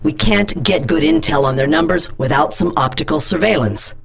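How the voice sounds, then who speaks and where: An actress with a low voice and vocal fry, speaking at normal speed, voices a stern female government agency director in a video game. Blunt, intimidating and commanding, the character gives orders through radio-style briefings in these game voice lines.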